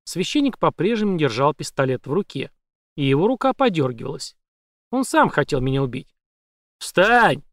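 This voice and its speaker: Guy reading a thriller in first person, measured and dry, fairly high voice, close dead-dry mic. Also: very animated, no echo. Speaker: audiobook reader.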